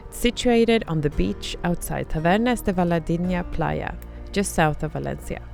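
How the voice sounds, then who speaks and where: A woman reads scripted travel vlog narration. Her voice is low with plenty of vocal fry, and soft music plays underneath. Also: normal speed. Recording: voice-over with music behind.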